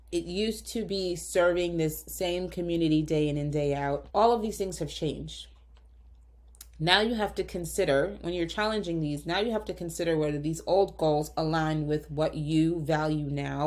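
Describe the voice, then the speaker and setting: Woman, podcast host, lowish voice, earnest, coaching tone, slightly hoarse. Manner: earnest, coaching, direct address. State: slightly hoarse from a cough, cough drop in mouth. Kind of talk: solo podcast monologue.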